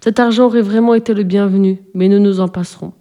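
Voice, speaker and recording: A woman voicing a poor, gentle mother who speaks softly and soothingly to her children. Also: medium pitch, fairly even intonation, fast, close to an everyday voice. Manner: soft, soothing.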